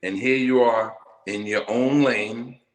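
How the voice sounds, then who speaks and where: A middle-aged man talking as an interview guest about his work, telling his story in an emphatic, animated way. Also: mid-range voice, slow pace, echoey room. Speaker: interview guest, musical poet. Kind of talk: casual conversational interview.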